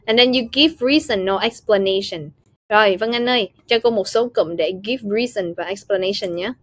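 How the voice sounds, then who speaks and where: A woman's voice: mid-range voice, normal speed, a bit bright, no room sound. Vietnamese woman teaching over a dull call. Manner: switches to explaining, prompts students by name. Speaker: English teacher. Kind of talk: online live class teaching. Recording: dull, lo-fi, dry call audio.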